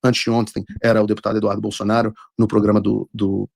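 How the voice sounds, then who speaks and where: A man with a Brazilian accent and a husky voice, hosting a live political show with commentary and read-out texts. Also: on the low side, little pitch movement, fast talker, darkish tone, no room sound, clean studio sound.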